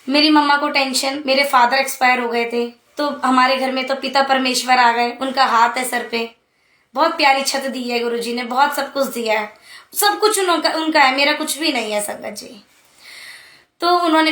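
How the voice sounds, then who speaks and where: High, bright young woman with an echo. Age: young adult. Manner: heartfelt, earnest, habitually quick-talking. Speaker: devotee sharing testimony at a satsang. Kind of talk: devotional personal testimony. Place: devotional gathering before a congregation. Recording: echoey room.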